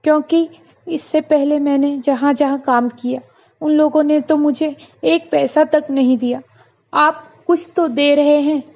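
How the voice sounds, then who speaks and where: A woman's voice: a little high, steady tone, unhurried, a little mellow, close to an everyday voice. A woman voicing a timid, frightened young female servant who speaks fearfully, in a read-aloud lesson. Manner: fearful, hesitant. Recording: dull lo-fi recording.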